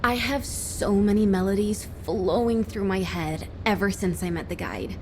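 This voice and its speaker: In a video game cutscene, a young adult woman voices a free-spirited female musician who is dreamy and sassy, talking about music and feelings. Her mid-range voice sounds natural at a normal speed. The recording is echoey, with music behind and slight background noise.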